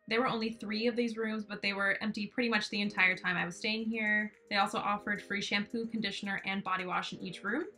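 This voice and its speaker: A young woman narrating a travel vlog in a clear, upbeat, informative way. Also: mid-range voice, bright, forceful tone. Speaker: travel vlogger.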